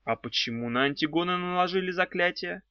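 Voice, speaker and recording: A nervy, sharp teenage girl from a storybook fires off eager questions, as a man puts her on. Her voice is pitched a little higher yet stays gravelly. The recording sounds dry and dull. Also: a little fast, no echo. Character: anxious, quick-witted teenage girl.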